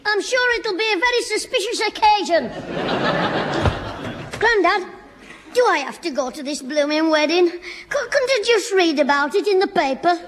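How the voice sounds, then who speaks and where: A man's voice: very high voice, big pitch swings. A man playing a cocky, wisecracking young schoolboy in 1950s radio comedy, heard on an old broadcast recording. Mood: indignant. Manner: cocky, quick quips and puns. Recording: hissy old broadcast with long hall reverb.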